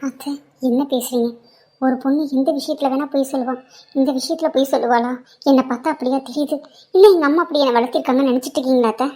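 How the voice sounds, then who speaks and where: A distressed young cartoon daughter, voiced by a woman, high-pitched and pleading. She swings between begging and indignant accusation, voice strained with desperation. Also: fairly even intonation, quick pace, mellow, close to an everyday voice.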